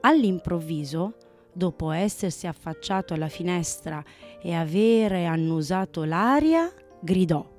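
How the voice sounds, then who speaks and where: Woman storyteller, gentle measured reading, lowish voice, very slow, soft music behind. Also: lively intonation. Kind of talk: children's storybook narration.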